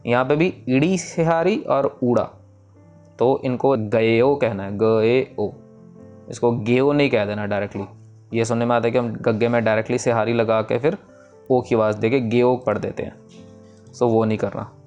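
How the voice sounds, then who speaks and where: A man giving a pronunciation lesson, explaining each sound and then reciting the lines slowly and drawn out. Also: mid-range voice, a little mellow, muffled recording, faint music behind. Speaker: Gurbani recitation teacher.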